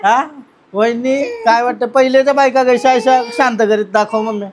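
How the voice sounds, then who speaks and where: A young man vlogging casually with his family, lively and teasing as he calls out to the people around him. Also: extremely high pitch, moderate pace. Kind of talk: casual family vlog chat.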